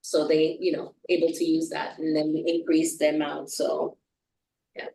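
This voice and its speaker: Her voice sits low and warm with vocal fry, level in tone and moderately paced, as this Jamaican-accented staff member presents contracts to a board meeting. She hesitates with many fillers and restarts while reading figures; the sound is roomy and distant, with slight background noise.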